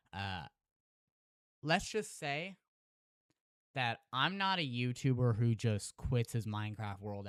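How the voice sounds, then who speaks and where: A man's voice: on the low side, no room sound, clean studio sound. A man, a Minecraft YouTuber, earnestly telling an emotional story and then chatting casually with his viewers. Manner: earnest, heartfelt, slows down and softens at emotional moments; addresses the audience directly as "chat", with fillers and restarts.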